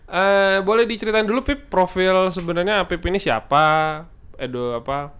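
A man with a smooth, clear voice pitched a little high and a Bandung Indonesian accent. He banters casually as a podcast co-host, playfully dropping English phrases and Sundanese slang into his chat. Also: moderate pace, a bit bright.

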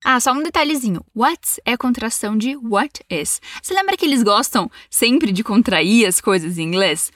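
A Brazilian woman teaching English, saying model phrases slowly for learners to repeat and cheering them on with patience. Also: on the high side, lively intonation, fairly bright tone, no room sound, clean studio sound. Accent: Brazilian Portuguese. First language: Portuguese. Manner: encouraging and patient. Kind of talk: bilingual English lesson with repetition drills.

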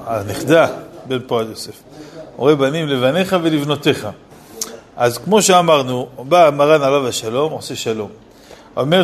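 A man's voice: mid-range voice, a little hiss or hum. A man, a city rabbi, giving a Torah lesson and firing off rhetorical questions with scolding asides. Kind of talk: Torah lesson on Selichot laws.

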